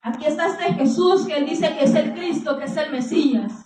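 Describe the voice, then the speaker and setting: A stern Roman governor pleads with a crowd in a run of insistent questions, as a woman preacher acts him out. The voice is high. It sounds far from the mic, in a roomy space with echo. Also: normal speed, darkish tone, close to an everyday voice. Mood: questioning. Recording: echoey room, distant mic.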